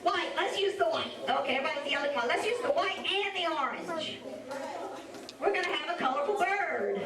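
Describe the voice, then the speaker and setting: A woman with a Cajun accent telling a story to children in a playful, animated way, acting out the dialogue. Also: high voice, a little fast, a loud crowd. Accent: Cajun Louisiana. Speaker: storyteller and face painter. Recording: echoey large room, distant mic.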